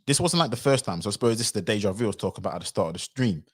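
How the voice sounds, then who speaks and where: Fast-talking man on a livestream. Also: on the low side, breathy edge. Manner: animated, acts out quoted voices. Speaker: livestream commentator. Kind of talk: livestream commentary.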